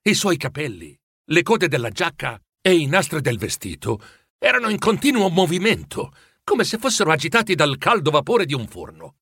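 A man reading a storybook aloud in a lively, expressive way. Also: fairly high pitch, moderate pace, breathy edge, no room sound, studio quality. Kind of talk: storybook narration.

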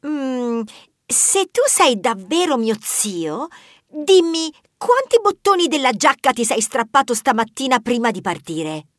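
A woman voicing a clever little boy mouse in a storybook, speaking in a soft, deliberate, squeaky way. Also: very animated, no echo, studio quality, exaggerated voice. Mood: firm. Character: clever little male mouse nephew, calm and sure.

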